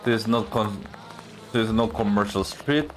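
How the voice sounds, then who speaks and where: A man's voice: fairly low pitch, a little slow, slight background noise. A man streaming a game with casual commentary, muttering to himself as he finds his way.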